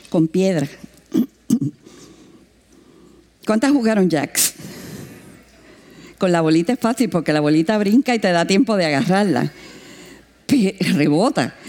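A woman preaching a sermon, telling a missionary story and acting out the voices in it. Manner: lively, acts out quoted voices with big pitch jumps.

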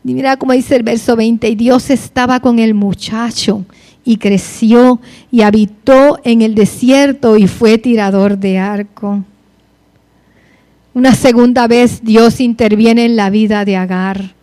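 Woman preacher, high voice, reads the bible then preaches, gets fired up. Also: fairly even intonation, measured pace, warm tone. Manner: reads scripture then preaches with rising passion. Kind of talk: sermon.

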